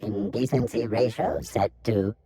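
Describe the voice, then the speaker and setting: A man's voice: fairly low pitch, fairly even intonation, measured pace, gravelly, mellow, husky, dry recording, exaggerated voice. An actor voicing a male robot drink vendor that is booting up and announcing its system status in stiff machine phrases, with a robotic filter on the voice. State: booting up, loading its program. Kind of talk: video game character dialogue.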